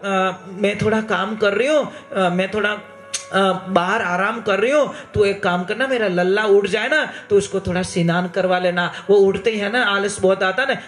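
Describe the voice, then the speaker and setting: A man's voice: high-pitched, fairly bright tone, pitched below the performer's own voice. A man voicing a stubborn, doting old village woman in a fussing, pleading tone. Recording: echoey roomy hall.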